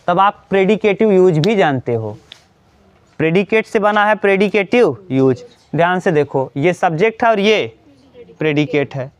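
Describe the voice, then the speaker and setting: High, clear-voiced man teaching grammar. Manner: explains step by step, asks students questions and repeats key words. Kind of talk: classroom grammar lesson.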